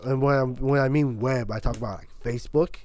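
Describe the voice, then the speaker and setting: A man's voice: medium pitch, fairly even intonation, a little fast, a little mellow, no room sound. Rambling, cursing young man on a podcast. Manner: rambling, swears a lot, acts out both sides of a quarrel. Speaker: podcast co-host. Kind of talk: casual storytelling chat.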